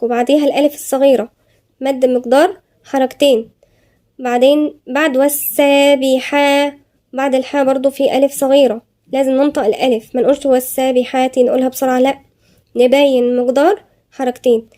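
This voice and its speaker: A woman with an Egyptian Arabic accent teaching a tajweed lesson, explaining each letter of a verse and slowly reciting it. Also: high voice, fairly even intonation, warm tone.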